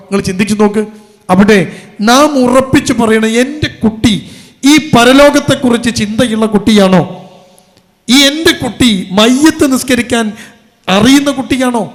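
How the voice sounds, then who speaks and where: Male preacher, high voice, emotive storytelling, emphatic questions. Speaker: Islamic preacher. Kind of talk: sermon.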